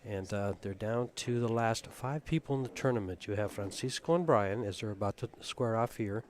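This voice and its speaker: A man from Tucson commentating a pool tournament in a relaxed, knowledgeable, chatty way. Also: on the low side, normal speed. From Tucson, Arizona. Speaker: play-by-play commentator.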